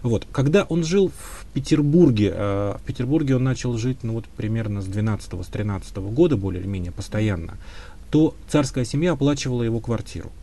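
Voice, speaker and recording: A man answers an interviewer's questions about history at length, weighing his words and often pausing on filler sounds. His voice has a mellow, warm tone at a middling pitch. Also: lively intonation. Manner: thoughtful, hedging, many filler sounds. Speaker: historian guest.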